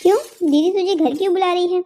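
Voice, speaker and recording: A woman's voice: extremely high pitch, fairly even intonation, quick pace, mellow, soft background music. Woman voicing a frank, sensible young friend. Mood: advising. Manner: frank, advising.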